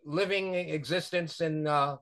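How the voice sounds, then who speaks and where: Again on a webcam from a small room at home, this older author and publicist from New York chats as an interview guest, restarting often and using many fillers. He speaks unhurriedly, with a fairly high, slightly bright voice and fairly even intonation.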